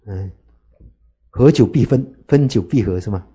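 A man, a Buddhist monk, giving an unhurried dharma talk to lay listeners, often asking rhetorical questions. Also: fairly low pitch, animated, warm tone, slightly rough.

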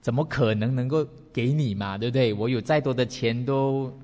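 A man's voice: medium pitch, moderate pace, a little mellow, close to an everyday voice. A man voicing a grieving rich father, speaking in a pleading, bewildered way. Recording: reverberant hall.

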